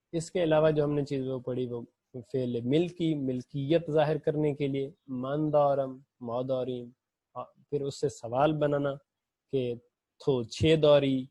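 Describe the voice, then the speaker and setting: A man teaching an online language class, explaining patiently step by step and repeating examples slowly. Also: medium pitch, dark tone, no echo. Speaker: Farsi teacher.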